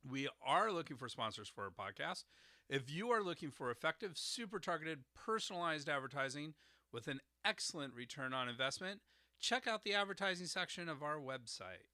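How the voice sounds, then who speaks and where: A man's voice: a little high, very animated, brisk, bright, forceful tone, no room sound, studio quality. A man hosting an educational podcast, carefully explaining terms, spelling out words and tones, with frequent uhs. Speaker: podcast host explaining herbal formulas.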